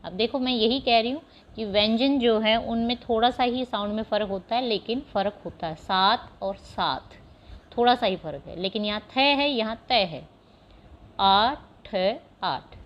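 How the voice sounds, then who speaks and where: A woman teaching young children Hindi vowel signs, patiently explaining step by step and sounding out words slowly. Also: fairly high pitch, dull audio. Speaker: primary school teacher. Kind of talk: Hindi phonics lesson over slides.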